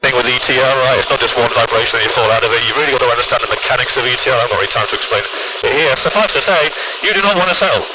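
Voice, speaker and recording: A man coaching a student pilot in flight, brisk, encouraging and talkative, on a headset intercom. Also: medium pitch. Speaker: helicopter flight instructor. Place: helicopter cockpit in flight. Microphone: aviation headset intercom. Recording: intercom over loud rotor noise. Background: loud rotor and engine noise.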